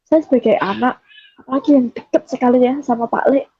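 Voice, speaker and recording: A woman's voice: high-pitched, a little fast, husky. A woman from Java giving an earnest personal testimony, often quoting herself as she tells the story. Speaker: testimony giver. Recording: dull, dry recording.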